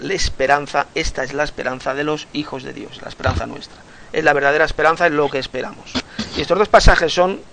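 A man's voice: on the high side, vocal fry, a bit bright, a little hiss or hum. A man leading a Bible study, explaining passages earnestly and repeating key words for emphasis. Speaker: Bible teacher.

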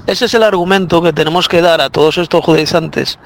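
A man with a somewhat high voice preaches a Bible lesson, pressing his point again and again with many hesitant fillers. A faint hum of background noise sits under his voice. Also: fairly even intonation, fairly quick. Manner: insistent, repeats points, frequent "eh" fillers. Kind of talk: spoken Bible teaching.

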